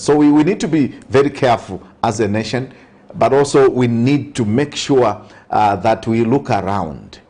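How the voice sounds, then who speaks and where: A Zambian-accented priest, appearing as an interview guest, offers earnest social commentary with emphatic repetition and hints of preaching. His voice is mid-range and slightly mellow.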